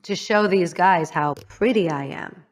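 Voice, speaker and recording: Candid woman from the Midwest, slightly low. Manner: candid, halting, voice sinking low and soft at painful parts. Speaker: podcast host. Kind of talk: personal storytelling to a guest.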